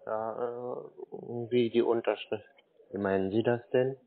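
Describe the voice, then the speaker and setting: A prank caller answering phone scammers speaks slowly in a medium-pitched, gravelly voice. He sounds confused, naive and hesitant, stalling as he talks, over a tinny narrowband phone line.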